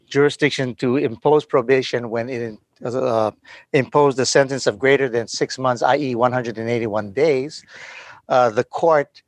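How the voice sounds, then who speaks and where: Halting male attorney in a dry recording. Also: mid-range voice, no room sound. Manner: halting, choppy phrasing. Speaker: defense attorney arguing an appeal. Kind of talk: formal oral legal argument.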